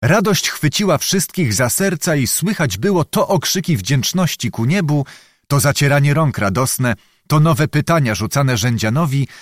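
A man narrating an audiobook in an expressive storytelling manner. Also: on the high side, moderate pace, dry recording, studio quality. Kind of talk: scripted narration.

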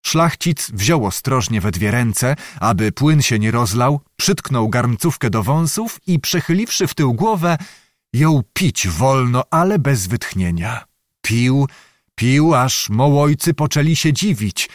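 A male audiobook narrator reads a literary story in a steady, measured, descriptive way. His pitch sits in the middle of a man's range. The recording is close and dry, with no room sound. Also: dry recording.

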